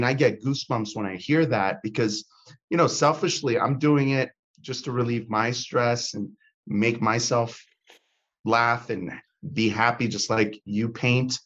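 A comedy content creator appears as a podcast guest, a man with a lowish, fairly bright voice chatting casually. He rambles, interrupts and restarts himself, and fills his speech with fillers, and the audio sounds dull.

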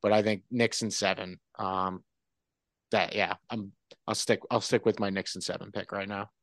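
On a podcast, a male sportswriter appearing as a guest talks loosely and easily, wandering off and frequently starting over. He speaks at a normal pace in a fairly low register, captured in a dry recording.

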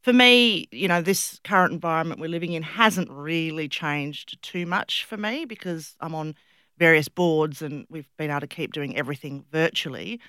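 Brief: Australian woman, middle-aged, bright forward voice, chatty and animated interviewee, close dry sound. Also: sits low, normal speed, clear, resonant tone, no room sound. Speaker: interview guest, public speaker and former competitive swimmer. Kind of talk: casual conversational interview, storytelling.

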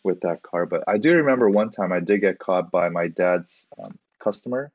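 Man, from southern california, relaxed storyteller, low voice, muffled mic. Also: normal speed, no echo. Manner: relaxed, laughing anecdotes, acts out quotes. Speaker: guest, professional drift driver. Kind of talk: casual podcast storytelling.

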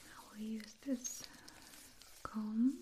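A woman whispering gently in an ASMR roleplay as a hair stylist, asking soft questions. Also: on the high side, steady tone, extremely slow, a little hiss or hum.

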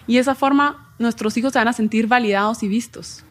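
Woman, guest speaker, slightly high voice, explanatory, acts out examples, live event. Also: fast talker. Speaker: guest educational psychologist.

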